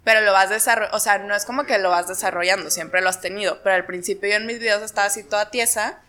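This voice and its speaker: A young woman with a northern Mexican accent from Monterrey, chatting casually as a YouTuber guest and telling things in animated, acted-out quotes. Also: mid-range voice, fast talker. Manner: animated storytelling, quotes herself and others in acted asides. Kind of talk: casual chat.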